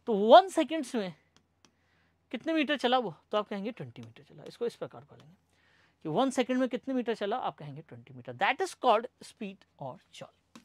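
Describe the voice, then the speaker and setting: A man with a high voice and a darkish tone teaches a classroom lecture, asking questions and supplying the answers himself while mixing in English terms. Every point is repeated as question and answer, and he refers to his students as "bhai sahab."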